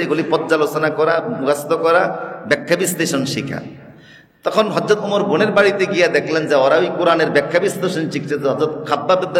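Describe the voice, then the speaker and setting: A man preaching a dramatic storytelling waz sermon, with rhetorical questions. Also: a little high. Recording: echoey hall with long reverb over loudspeakers.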